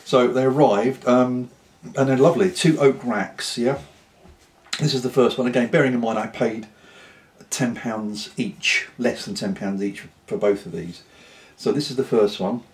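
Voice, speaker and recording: A British man in a casual, unscripted vlog chat, talking in an unhurried, rambling way with pauses. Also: medium pitch. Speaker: pipe-smoking vlogger.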